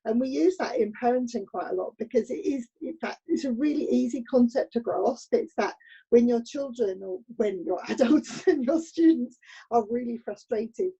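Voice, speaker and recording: Husky woman sharing her experience. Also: fairly high pitch, animated, normal speed, warm tone, lo-fi sound. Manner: hesitant, many fillers. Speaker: participant with parenting education background.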